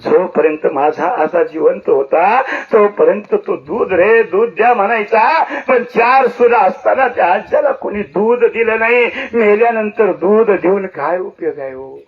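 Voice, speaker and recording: A man's voice: high voice, measured pace, few pauses, voice pushed down. A man voicing a grieving young grandson who speaks in an impassioned, reproachful way. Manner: impassioned, reproachful, near tears. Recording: distant muffled lo-fi recording.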